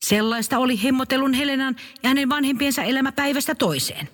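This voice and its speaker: A man's voice: extremely high pitch, long reverb tail. A man narrating a comic children's story, playful and speaking to the listener. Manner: playful, lively, addresses the listener.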